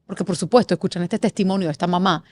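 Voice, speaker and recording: Expressive woman telling her story. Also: fairly low pitch, slight background noise. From Panama. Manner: expressive, animated, lists things in rapid series. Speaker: guest. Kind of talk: emotional storytelling in an interview.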